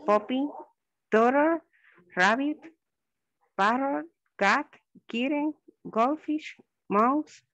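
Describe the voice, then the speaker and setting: A woman's voice: high voice, extremely slow, pauses often, a bit bright, dry recording, rough recording. Hesitant woman student on a call. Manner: hesitant, self-correcting. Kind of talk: reciting vocabulary in class. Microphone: video call.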